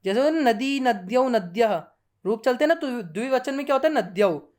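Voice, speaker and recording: A woman's voice: a little high, lively intonation, moderate pace, a little mellow. A woman teaching a grammar lesson, patiently repeating word forms and checking in with her students often. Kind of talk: classroom lesson.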